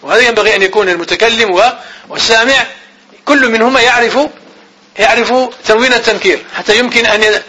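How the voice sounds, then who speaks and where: A man teaching grammar in class, repeating definitions slowly as if dictating and asking his students questions he then answers himself. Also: high-pitched, sharp tone, husky, low-quality recording.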